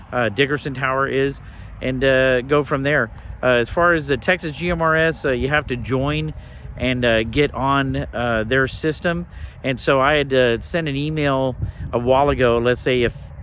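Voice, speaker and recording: A man from Colorado chats informally to his viewers as a ham radio hobbyist. His voice sits at a medium pitch and he rambles in a casual way. He is outdoors, with faint outdoor and vehicle noise behind him. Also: a bit bright. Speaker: amateur radio operator, video host. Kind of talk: casual outdoor vlog talk. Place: outdoors in a state park.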